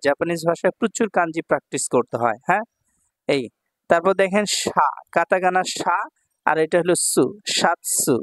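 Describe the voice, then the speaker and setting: A male language teacher, sounding out words slowly syllable by syllable, repeating them and often checking that his listeners follow. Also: high voice, dry recording. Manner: slow, drawn-out repetition of each syllable. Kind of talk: vocabulary lesson explaining words.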